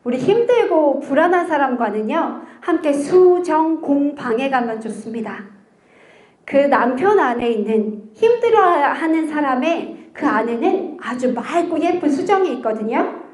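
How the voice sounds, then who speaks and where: A woman's voice: high-pitched, expressive, a little slow, darkish tone. A woman in her thirties giving a lecture built on a personal story, acting out the dialogues she quotes. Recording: echoey room.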